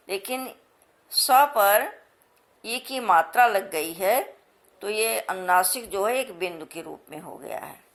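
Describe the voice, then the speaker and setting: A woman teacher walks schoolchildren through a grammar lesson, speaking directly to her pupils. She talks slowly and goes over each rule twice. Her voice sits at an ordinary middle pitch for a woman. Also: a bit bright. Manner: slow, repeats each point patiently.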